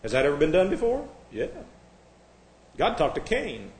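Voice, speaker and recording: This pastor from Indiana has a fairly high, somewhat mellow voice whose pitch swoops wildly, though his speed stays normal. His sermon is conversational, packed with asides and wry jokes, and he reads scripture in a raised, formal tone. The room is echoey.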